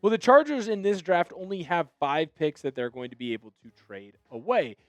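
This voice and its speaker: In close, dry audio free of room echo, a young sports-news commentator delivers strong opinions alone on camera. His fairly high voice keeps a moderate pace but now and then surges into animated enthusiasm.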